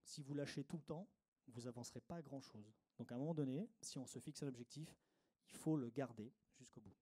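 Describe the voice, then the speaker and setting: Middle-aged male speaker, warm and dark timbre, mid pitch, conference talk, didactic, hammers home key points. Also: brisk, husky. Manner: didactic, repeats key phrases, frequent "euh" and "ok?". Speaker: meditation consultant giving a workshop talk. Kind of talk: conference talk to a live audience.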